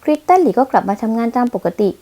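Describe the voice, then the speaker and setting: A woman's voice: fairly high pitch, big pitch swings, rapid-fire, dark tone. A woman reading the narration of a manga dub in plain storytelling manner. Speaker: manga reader.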